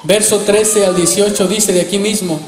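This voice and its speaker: Male preacher with a high voice, delivering a sermon in a roomy church hall with rhetorical questions. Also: steady tone, moderate pace. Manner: addresses the congregation as brothers with rhetorical questions. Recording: echoey hall, faint background noise.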